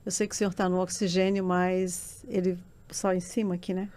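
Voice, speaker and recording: A woman's voice: fairly low pitch, little pitch movement, brisk, darkish tone. A middle-aged woman, giving an earnest and emotional personal testimony as a podcast guest. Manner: earnest, emotional storytelling that swells into tearful intensity.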